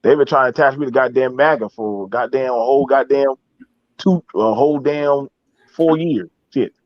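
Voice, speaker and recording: A man's voice: medium pitch, normal speed, dry recording, dull audio. A man in a casual, heated online discussion, speaking emphatically and repetitively with heavy swearing.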